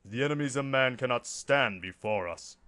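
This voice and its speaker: A man voicing a stern, militant space marine warrior from a game, in a loud, declamatory way. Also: mid-range voice, normal speed, voice pushed up, close to an everyday voice. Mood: militant, declaiming.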